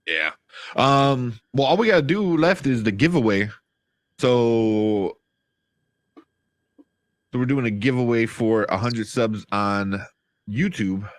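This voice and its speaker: A man's voice: medium pitch, lively intonation, slow, long pauses, no room sound. A man hosting a livestream in a casual, chatty style. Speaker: livestream host. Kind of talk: casual chat.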